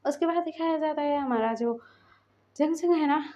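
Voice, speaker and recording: At a moderate pace and in a warm tone, a woman chattily retells a fan fiction story, acting out the quoted lines with a rising pitch. The audio is muffled and lo-fi.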